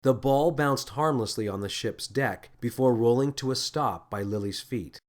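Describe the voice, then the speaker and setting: An author and narrator reads his scripted children's story in an expressive, deliberate storytelling style. His voice sits in the mid range.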